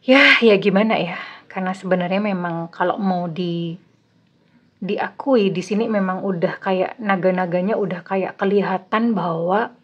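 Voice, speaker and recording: A woman's voice: medium pitch, measured pace, slightly rough. A woman giving a casual tarot reading to her viewers, talking in a chatty, teasing way with loose everyday slang. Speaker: tarot reader. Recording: slightly dull lo-fi sound.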